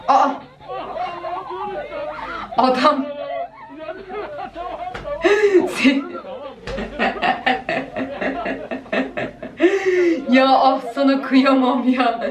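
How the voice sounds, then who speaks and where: High-voiced chatty woman vlogger. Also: normal speed, long pauses, distant mic, crowd noise. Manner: chatty, expressive, often laughing. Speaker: vlogger reacting to old TV clips. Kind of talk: casual reaction chat. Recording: echoey room, voice a bit off-mic.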